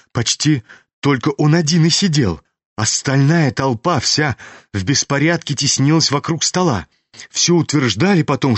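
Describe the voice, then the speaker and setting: A man narrating a classic novel as an audiobook, reading in a steady, even-paced way into a studio microphone. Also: mid-range voice, slightly rough, no echo.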